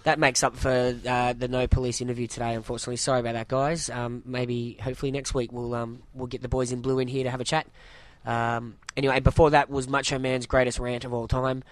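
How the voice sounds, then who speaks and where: A man hosting a casual breakfast radio show, nasal from a head cold, relaxed and hesitant with many fillers. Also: mid-range voice, fast talker, hardly any pauses, no room sound. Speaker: radio host. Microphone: studio microphone.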